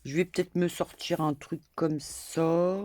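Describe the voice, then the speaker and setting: An older woman crafting vlogger talks through a casual tutorial at home in a low, a little mellow voice, a little slow with fairly even intonation. Like a rambling grandmother, she hesitates often and drifts into small asides, and the dry recording has faint background noise and clicks.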